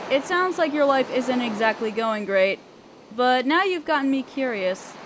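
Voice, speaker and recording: A young female selkie, performed by a woman, addresses the listener in a scripted fantasy audio drama, sounding curious. Her fairly high voice is very animated, guarded and teasing, with a hesitant curiosity under the aloof surface. Surf and wind effects are distinctly heard behind her.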